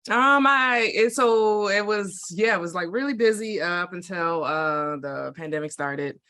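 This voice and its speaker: A woman from Washington D.C. speaks as a podcast guest in a bright, forceful voice. She talks easily and casually, with plenty of "uh" fillers along the way. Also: fairly low pitch, measured pace. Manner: relaxed and casual, with frequent "uh" fillers. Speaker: creative director, guest. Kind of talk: casual interview chat.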